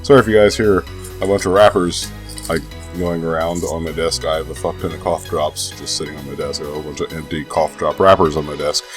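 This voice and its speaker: A man's voice: rumbling low, fairly even intonation, quick pace, over music. A young man with a stuffy nose from a cold, rambling casually and swearing freely as he vlogs about gaming. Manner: laid-back, profane, hesitant rambling. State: sick with a cold. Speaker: gaming vlogger.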